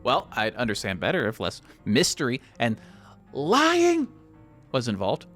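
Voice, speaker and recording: A man's voice: mid-range voice, animated, brisk, a bit bright, faint music behind. A man giving let's play commentary with rambling, joking asides. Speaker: gamer.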